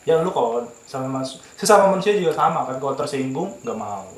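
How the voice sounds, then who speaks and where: A man's voice: mid-range voice, a little fast. A man hosting a casual talk, chatting easily and reacting with short remarks. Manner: relaxed, chatty, drops short reactions and sign-off plugs. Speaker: host. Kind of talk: casual chat. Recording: echoey room with clear background noise.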